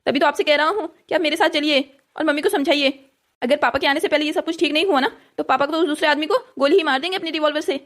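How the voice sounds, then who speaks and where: A woman's voice: high voice, racing, a bit bright. A woman voicing an upset teenage son in a cartoon story, urgent and pleading.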